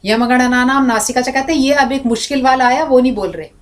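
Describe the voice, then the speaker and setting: A woman's voice: high voice, animated, fast. A woman teaching a Sanskrit class, explaining points at length and breaking into spoken examples and recited sound drills. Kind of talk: classroom lecture.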